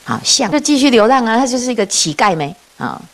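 A Buddhist nun with a highish, gravelly voice speaks quickly as she gives a dharma talk. Her storytelling is lively, full of frequent laughs and rhetorical questions.

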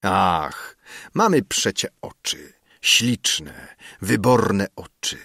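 A menacing old alchemist with a hoarse, hollow, thundering voice, as a male narrator puts him on. He snarls and gloats slowly over his words in a deep register. The sound is dry, as in an audiobook. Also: very animated, pushed and bright, no echo, heavily acted. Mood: gloating.

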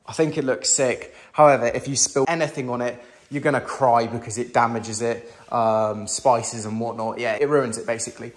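Young guy chatting excitedly through his new kitchen, handheld phone cam, medium voice. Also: medium pitch, normal speed. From England. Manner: chatty, enthusiastic, casual slang. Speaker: home renovation vlogger. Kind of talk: casual home tour narration. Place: indoors, large new kitchen and house. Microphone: handheld phone camera, filming first-person while walking.

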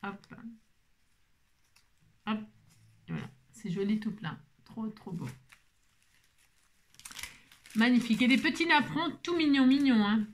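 A playful, chatty woman records a casual crafting vlog from her table at home. Her voice sits on the higher side, and she keeps gushing with delighted exclamations over each little thing she unpacks. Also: animated, unhurried, long pauses, a little hiss or hum. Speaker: crafting vlogger. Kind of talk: casual chat while unboxing craft mail.

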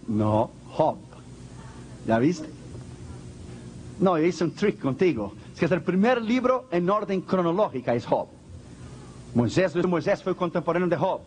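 A man's voice: high-pitched, slight background noise. A man preaching a fervent, emphatic sermon as pastor, repeating phrases and asking the congregation questions.

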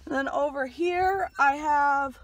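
A woman's voice: high-pitched, takes it slowly, no echo, highs cut off. A woman in her thirties from New York, chatting casually as she gives a video tour of her truck cab, rambling with lots of fillers, recorded on a handheld phone. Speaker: truck driver vlogger. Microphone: phone camera held in hand.

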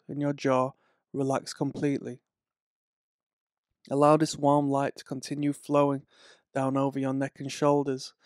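A man reading a slow, soothing guided relaxation and hypnosis script in a measured way. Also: medium pitch, darkish tone, smooth, dry recording, studio quality.

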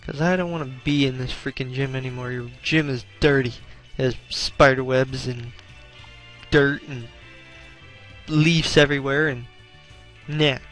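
A young man commenting on his own gameplay, excitable and profane, groaning and exclaiming at every setback. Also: medium pitch, unhurried, faint music behind.

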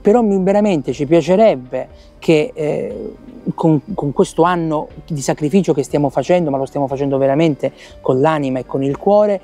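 Man, thirties, earnest, halting, lapel mic, outdoor square, faint music. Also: a little high, mellow. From Italy. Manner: earnest, with frequent fillers and restarts. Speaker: theatre project director. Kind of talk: promotional interview. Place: outdoor town square at night.

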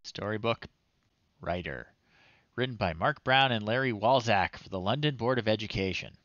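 A man in his thirties streams live from a small home room, casually talking through old software by thinking aloud and muttering short phrases. He speaks at normal speed in a lowish, fairly bright voice. The recording is muffled but has no echo.

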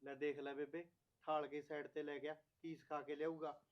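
A fairly high-voiced young husband, played by a man, accusing and complaining. The recording sounds dull and lo-fi. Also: little pitch movement, moderate pace, natural voice. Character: complaining young husband blaming his wife.

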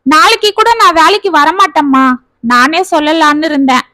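A woman's voice: sits high, animated, normal speed, pushed and bright, no echo, clean studio sound. A woman voicing a talkative maid who rambles on the phone in a family story. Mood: chatty. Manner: chatty, rambling. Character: talkative working-class maid, middle-aged woman.

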